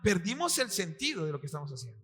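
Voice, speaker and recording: A man's voice: a little high, fast. A male pastor with a Peruvian accent preaching a sermon to his congregation, acting out quotes and firing questions at the room. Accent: Peruvian Spanish. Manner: animated, acts out quotes, quizzes the congregation. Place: church hall with congregation. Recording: long hall reverb, faint music.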